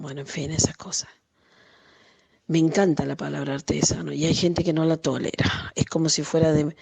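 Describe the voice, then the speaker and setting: An Argentine woman in her late fifties, an artisan and translator, reflecting thoughtfully on words in an interview, often pausing and restarting as she searches for the right phrasing. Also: low voice, creaky, a little mellow. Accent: Argentine Spanish. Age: 50s.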